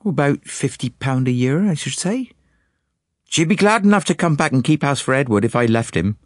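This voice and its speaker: In clean studio sound with no echo, a male audiobook narrator performs a fretful, anxious and indignant middle-aged woman with a prim, complaining manner. His mid-range, natural-sounding voice has lively intonation at normal speed, raised above his own pitch.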